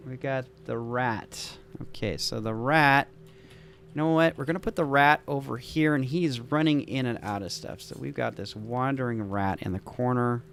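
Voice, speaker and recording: A man's voice: mid-range voice, normal speed, gravelly, a bit bright, soft background music. A man casually talking through building a game scenario, thinking aloud with enthusiastic, rambling asides. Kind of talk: casual gameplay commentary.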